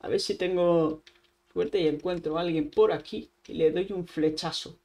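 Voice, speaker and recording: A woman's voice: on the low side, steady tone, moderate pace, mellow. A woman with an accent from Spain giving casual, chatty let's-play commentary, talking straight to her viewers and using lots of playful diminutives. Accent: Spain Spanish. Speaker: gaming channel host.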